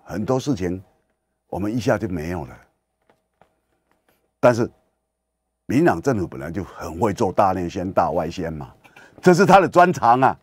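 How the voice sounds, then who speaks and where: A male radio commentator, lecturing his audience emphatically and pressing them with rhetorical questions. His pitch leaps up and down with great animation. The sound is dry and close, as from a studio microphone. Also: no echo.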